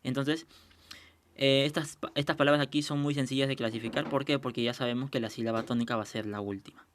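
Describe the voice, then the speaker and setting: A man teaching a recorded lesson, explaining patiently, checking understanding and slowing down to sound out example words. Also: medium pitch, steady tone, fairly bright tone, slight background noise.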